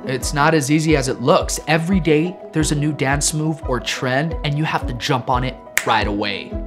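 A man's voice: on the high side, moderate pace, music in the background, natural voice. A young man playing a self-important, obsessive social media dancer in a scripted mockumentary comedy, grandiose and earnest. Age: young adult. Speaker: comedian playing lead in sketch.

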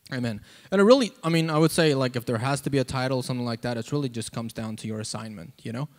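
On a church stage facing a seated congregation, a South African man preaches an informal sermon and shares his testimony through a handheld microphone. He talks in a halting, chatty way, leaning heavily on "like" and "you know," in a mid-range voice.

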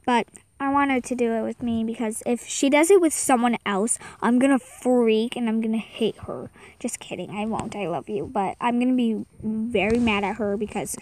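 A woman's voice: on the high side, noisy background. A young girl chatting casually and rambling while commenting on a game at a friend's house. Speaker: guest commentator.

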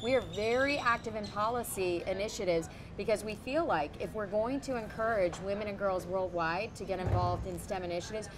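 A woman's voice: medium pitch, fairly quick, hardly any pauses. A young adult woman interviews a guest on an outdoor patio, sounding enthusiastic and affirming. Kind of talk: interview questions. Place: outdoor patio of a city building. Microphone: camera mic, seated. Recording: outdoor recording with traffic noise.

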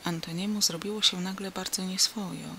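Bright-toned audiobook narrator. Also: mid-range voice, fairly even intonation, a little fast, creaky, slight background noise. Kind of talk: audiobook narration of a classic novel.

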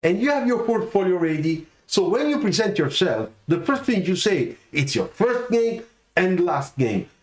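A man's voice: sits high, moderate pace. A middle-aged man, giving career advice on a livestream from a home studio, gesturing and often checking in with "okay?". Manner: animated, gestures a lot, keeps asking "okay?". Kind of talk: livestreamed talk to viewers. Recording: roomy echoey room sound.

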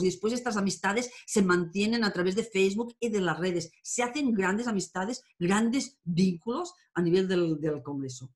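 A woman telling stories in a casual interview, founder of a tarot school, peppering her talk with "oye" and "¿eh?". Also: mid-range voice. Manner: animated, frequent filler "oye" and "¿eh?".

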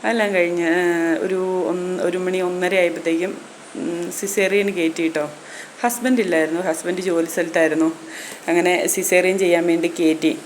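A woman's voice: fairly low pitch, fairly even intonation, moderate pace. Woman telling a personal story, faint hiss. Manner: conversational, frequent tag "keto" addressing listeners. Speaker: vlogger, mother.

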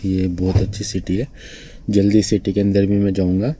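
Young male travel vlogger, low even voice, handheld camera on a train. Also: normal speed, slightly rough. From India. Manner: relaxed, chatty, talking to camera. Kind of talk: casual vlog narration. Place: sleeper compartment of a moving train. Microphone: handheld camera at arm's length.

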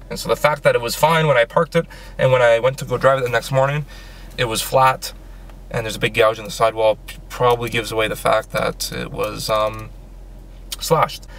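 A young Canadian man vlogs casually from inside a small car and later out in a snowy lakeside parking lot. His medium-pitched voice sounds a bit bright, and he rambles loosely with plenty of ums and restarts.

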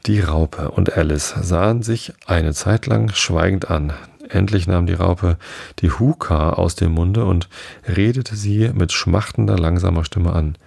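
A man hosting a sleep podcast, reading a storybook aloud in a slow, soothing, unhurried way. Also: sits low, gravelly, darkish tone, husky, no echo, studio quality. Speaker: podcast host and reader. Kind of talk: calm bedtime story narration.

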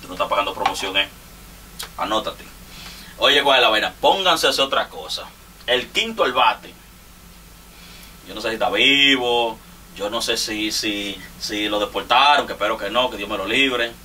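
A man's voice: on the low side, normal speed, long pauses, bright, forceful tone, a little hiss or hum. A man with a Dominican Spanish accent jokingly roasting fellow artists in a rambling, laughing monologue. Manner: teasing, rambling, laughs often. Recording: distant mic with faint ambience.

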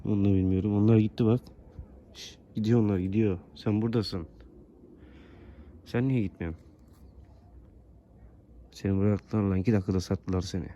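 A man's voice: fairly low pitch, steady tone, normal speed, long pauses, warm tone, highs cut off. A man keeping geese, talking to them affectionately like children while filming them outside. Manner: coaxing, talks to his geese like children. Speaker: goose keeper filming his geese. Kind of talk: casual vlog talk to animals. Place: outdoors among geese.

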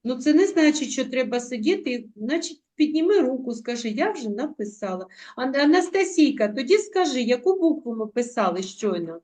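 Gentle woman teacher on a video call. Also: sits high, sing-song. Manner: affectionate, coaxing, uses diminutives; slow, drawn-out word modelling. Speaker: primary school teacher. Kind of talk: online class teaching.

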